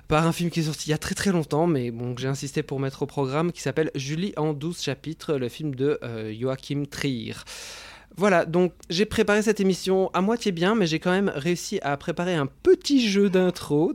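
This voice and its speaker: A man's voice: a little high, a little mellow, no echo. Hesitant man hosting a film roundtable. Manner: hesitant, with many fillers and repeated words. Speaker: host of a film roundtable show. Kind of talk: casual hosting of an online film discussion. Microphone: video call.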